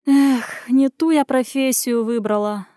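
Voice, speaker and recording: A woman's voice: fairly high pitch, moderate pace, warm tone, no echo, clean studio sound, close to an everyday voice. A woman reading an audiobook, voicing its first-person heroine, a young woman with a wry, ironic way of speaking.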